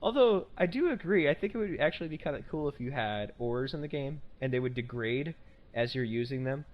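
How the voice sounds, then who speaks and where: Man, podcast host, casual chat, rambling, jokey, mid-pitched voice. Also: expressive, fairly quick, highs cut off. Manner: rambling, self-correcting, jokey.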